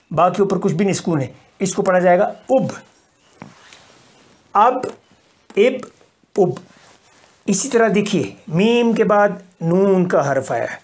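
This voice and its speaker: A man from Kashmir teaches a recorded language lesson at an unhurried, steady pace. He explains the same rule several times over. He draws out the example syllables so learners can follow. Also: high-pitched. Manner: patient, repetitive explaining, drawing out example syllables. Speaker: Arabic teacher.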